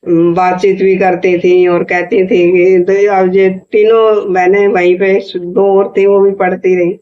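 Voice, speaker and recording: A middle-aged woman, the vlogger's mother, casually telling a family story in a chatty, animated way with quoted dialogue. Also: on the low side, a little slow, highs cut off.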